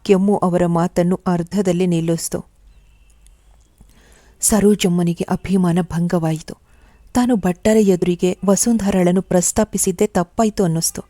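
Woman storyteller, audiobook narration, dark mellow low voice, measured. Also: fairly even intonation.

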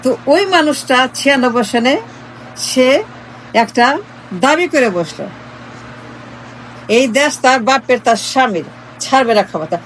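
A woman's voice: high voice, animated, unhurried, pauses often, a little hiss or hum, low-quality recording. A woman from Bangladesh giving an impassioned, sarcastic political monologue, repeating and chanting her phrases. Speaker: political commentator.

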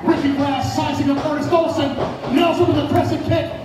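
A man giving live, excitable play-by-play wrestling commentary, raising his voice to a shout at the big moments. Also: extremely high pitch, fairly quick. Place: indoor bar venue with wrestling ring. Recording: echoey venue from far off, loud crowd and music.

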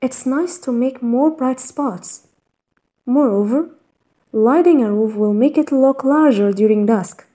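A woman reading a scripted voice-over in a measured, even list-reading way, narrating step-by-step tips. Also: sits high. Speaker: narrator of a garden design slideshow.

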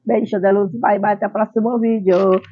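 A woman's voice: mid-range voice, flat delivery, brisk, dry recording. A middle-aged woman hosting a chatty vlog in a playful, cutesy streamer manner, recorded on a camera at home. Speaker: vlog channel host. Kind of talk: chatty vlog product presentation with cute Japanese greetings. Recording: dull lo-fi camera sound.

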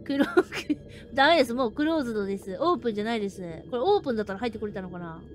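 A woman streaming a horror game, talking bluntly and roughly, laughing often and shouting at the scares. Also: on the high side, animated, very fast, over music. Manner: rough, blunt casual talk with frequent laughter; bursts into loud shouting at scares. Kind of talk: live horror game commentary.

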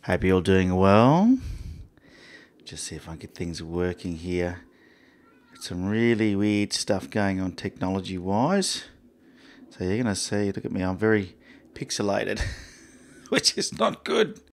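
A man's voice: low voice, lively intonation, measured pace. A man with an Australian accent hosting a photography live stream, chatting casually and greeting viewers by name. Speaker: photography show host.

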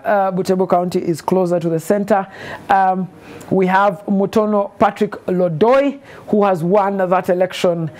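A man's voice: high voice, a little mellow. A young male news anchor reading election results in a TV studio, fluent with the odd filler.

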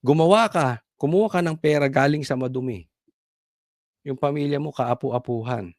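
A man's voice: mid-range voice, moderate pace, darkish tone, no room sound, clean studio sound. A man with a Filipino accent giving preachy, mocking political commentary to his viewers. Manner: preachy, mocking, chanting, laughing asides.

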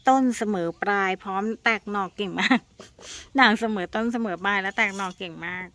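In a dry recording, a plant seller with a sharp tone pitches to her viewers casually and coaxingly. She sweetly calls them elder siblings and playfully repeats words for emphasis.

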